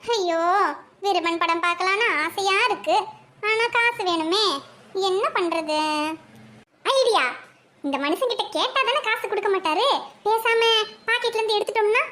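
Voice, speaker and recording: A woman's voice: very high voice, normal speed, long pauses, bright, forceful tone. A woman doing a fretful scheming cartoon housewife. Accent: Kanyakumari Tamil. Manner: fretful muttering to herself. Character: scheming young housewife, jittery and giddy. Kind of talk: cartoon voice acting.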